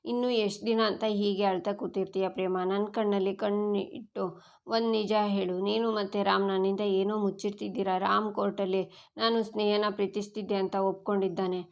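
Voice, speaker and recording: Brief: woman voicing a stern mother-in-law demanding the truth, slow and even. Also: mid-range voice, vocal fry, natural voice.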